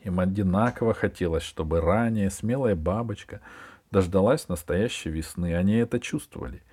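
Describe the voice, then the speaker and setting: A man reading a children's story aloud in a steady, measured way. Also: deep voice, breathy edge. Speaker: audiobook reader.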